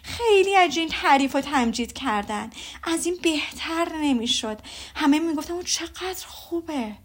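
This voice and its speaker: A woman reading aloud voices a gossiping middle-aged mother who gushes excitedly. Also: high voice, voice pushed up. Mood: gushing. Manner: gushing and breathless.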